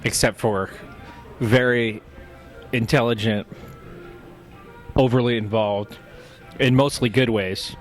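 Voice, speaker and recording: A man's voice: medium pitch, steady tone, takes it slowly, long pauses, faint music behind. A man co-hosting a casual podcast in a joking, teasing manner. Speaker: podcast co-host.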